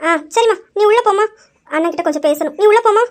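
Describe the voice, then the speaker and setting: A fretful old grandmother, voiced by a woman, coaxing and hesitant, who trails off as she talks. Her voice sits very high but drops lower and softer than the other roles. Amateur family drama. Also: quick pace. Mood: worried.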